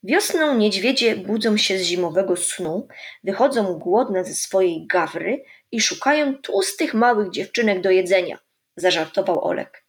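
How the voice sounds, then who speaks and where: A woman reading a children's story aloud in an expressive, melodic way. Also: mid-range voice, a little slow.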